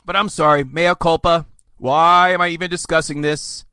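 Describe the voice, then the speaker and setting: A man's voice: fairly high pitch, steady tone, normal speed, sharp tone, clear, resonant tone, no room sound. A man hosting a podcast, ranting sarcastically with theatrical mock outbursts. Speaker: podcast host. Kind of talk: sarcastic solo podcast rant.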